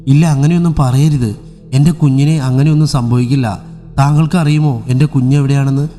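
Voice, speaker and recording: A frightened grandfather , played by the narrator, pleads and shouts for rescue. His voice climbs high and urgent over faint background music. The tone stays mellow and dark beneath the fear. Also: fairly even intonation, a little fast, natural voice. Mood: pleading.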